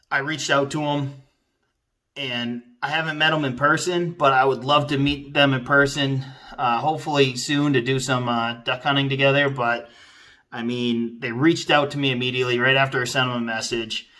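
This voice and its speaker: A man's voice: medium pitch, steady tone, normal speed, bright, forceful tone. A man giving a casual product review in a rambling, conversational, informal way.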